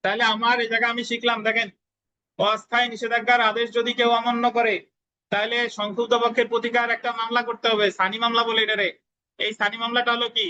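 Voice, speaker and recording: A man's voice: very high-pitched, bright, forceful tone. Bangladeshi guy teaching a law class, keeps asking "got it?", dull lo-fi recording. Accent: Bangladeshi Bengali. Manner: repeats key points, asks students if they understand; dictates spelling letter by letter. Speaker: law tutor.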